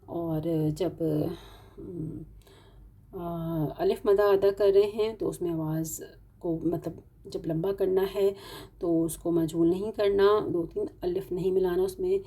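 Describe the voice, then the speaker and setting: In an online tajweed lesson, a Pakistani woman with an Urdu-speaking accent teaches Quran recitation. Her voice is on the low side, dark and husky, with fairly even intonation. She explains patiently, step by step, drawing out her example words.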